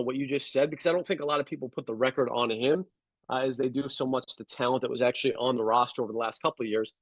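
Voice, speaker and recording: A man talking sports as a podcast guest, measured and analytical, with frequent fillers and restarts. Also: mid-range voice, no room sound, low-quality recording. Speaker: guest sports radio producer. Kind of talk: casual sports podcast chat.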